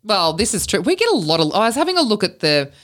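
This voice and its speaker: A woman's voice: medium pitch, very animated, fast, fairly bright tone. An Australian woman co-hosting a podcast, teasing the others and steering the chat. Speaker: podcast co-host. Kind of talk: casual chat.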